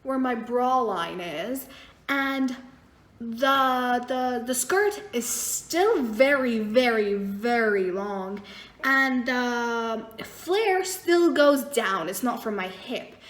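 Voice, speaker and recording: A young woman tells a story in a casual vlog, blunt and animated, swearing freely. Her voice sits high. The room around her adds a noticeable echo. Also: drawn-out words. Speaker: vlogger. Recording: echoey room.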